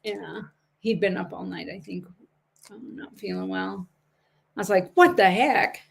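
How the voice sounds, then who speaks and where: A woman's voice: medium pitch, fairly even intonation, measured pace, gravelly, a little mellow, slightly rough. A woman casually chatting and selling coins on a livestream, rambling through stories and laughing easily. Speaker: livestream coin seller.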